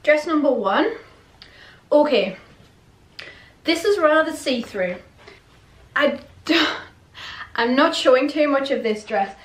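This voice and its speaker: A woman's voice: sits high, expressive, slow pace, long pauses. A middle-aged woman chatting casually and rambling a little, asking herself questions, as in a clothing haul vlog. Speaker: vlogger. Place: small bedroom, indoors. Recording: roomy bedroom echo.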